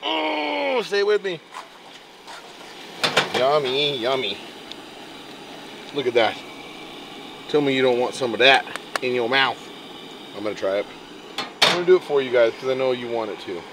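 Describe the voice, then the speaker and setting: This outdoor camping and fishing vlogger chats casually to viewers with exuberant, playful, folksy energy and plenty of quirky slang. His medium-pitched voice is creaky and lively in intonation, and he speaks at a measured pace with long pauses. The recording is very noisy, with music in the background.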